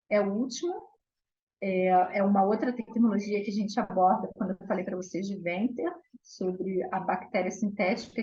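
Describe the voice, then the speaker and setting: A Brazilian woman giving a guest lecture at an academic seminar, talking quickly and often restarting her sentences. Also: medium pitch, muffled recording. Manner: fast, warm, with repeated restarts.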